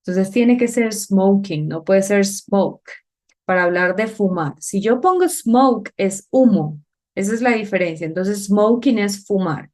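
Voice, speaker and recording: A woman with a medium-pitched, expressive, slightly mellow voice gives a grammar lesson in English at the whiteboard. Step by step she explains, asks questions to see if everyone understands, and voices the examples slowly and deliberately.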